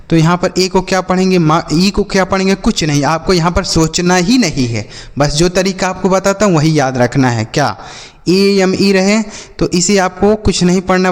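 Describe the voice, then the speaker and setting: A man leads a phonics lesson with a voice pitched a little high. He drills his listeners call-and-response style, asking and answering each question himself and calling them brother and children. His voice rings out with a long echo, as if he were speaking in a large hall. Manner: addresses viewers as "my brother" and "children". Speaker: English phonics teacher.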